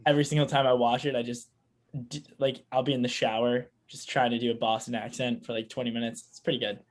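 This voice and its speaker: A man's voice: mid-range voice, flat delivery, quick pace. A man co-hosting a podcast, chatting casually and upbeat while keeping the game moving. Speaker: podcast co-host running the game. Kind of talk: casual chat.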